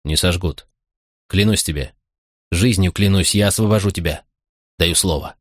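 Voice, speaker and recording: A man voicing a firm, resolute young Roman officer in an audiobook, giving quick commands. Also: low voice, no echo, clean studio sound.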